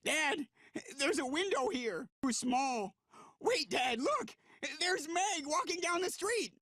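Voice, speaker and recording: An actor playing a naive, whiny, dim-witted teenage boy in an animated sitcom, earnest and childish. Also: extremely high pitch, takes it slowly, no echo, studio quality, heavily acted. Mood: anxious.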